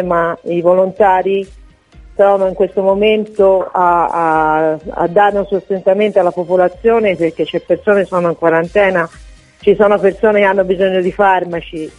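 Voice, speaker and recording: A woman calling in to a radio interview on a poor-quality phone line while on duty, talking haltingly with many fillers and restarts. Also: fairly low pitch, steady tone, soft background music. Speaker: volunteer association head, phone-in guest.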